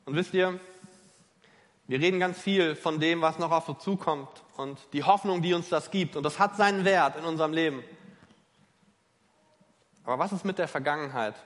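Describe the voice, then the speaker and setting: High-voiced male preacher in echoing hall. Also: normal speed, pauses often, fairly bright tone. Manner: emphatic, questions the listeners directly. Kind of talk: sermon. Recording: long reverb of a large hall.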